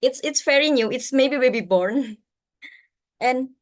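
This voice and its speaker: A woman's voice: sits high, a little slow. A woman with an Indonesian accent asking a question in an online panel, earnest and prone to restarts. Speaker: audience questioner.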